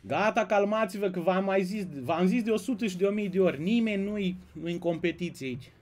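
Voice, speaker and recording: A man's voice: sits high, a little mellow. A man from Romania hosting a casual live stream, greeting viewers by name and bantering with the chat. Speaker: slots streamer.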